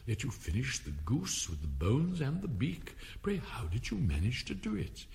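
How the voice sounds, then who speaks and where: A man's voice: mid-range voice, huge pitch swings, moderate pace, creaky, a little mellow. A man playing a cheeky, inquisitive youth who declaims comic storybook verse. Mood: cheeky, questioning. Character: cheeky, inquisitive youth questioning his elderly father.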